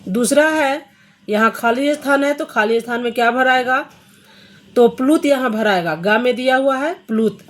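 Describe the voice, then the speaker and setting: A woman teacher with a high voice works through Hindi grammar questions for students at a moderate pace. She reads each question aloud, then patiently explains the answer.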